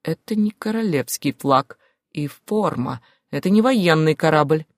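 A protective, steady male leader from an audiobook, as a woman reader lowers her voice for him. He speaks firmly, with weight behind each line. The recording is close and dry, with no room sound. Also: measured pace, no room sound. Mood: tense. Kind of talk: audiobook character voice.

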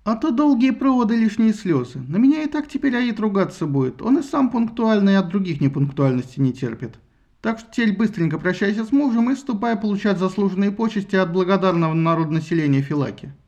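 A man voicing a fussy, irritable male messenger god who talks in a brisk, scolding, bureaucratic way. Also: high voice, animated, darkish tone, muffled recording, voice pushed up.

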